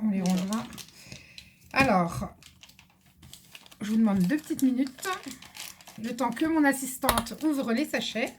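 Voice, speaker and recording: A woman with a high voice chats casually through a craft haul, hesitant and full of fillers. She talks to viewers and now and then to a helper next to her. Faint background noise can be heard. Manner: chatty, hesitant with many fillers, addresses viewers and an assistant. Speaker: craft vlogger. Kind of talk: casual haul video chat.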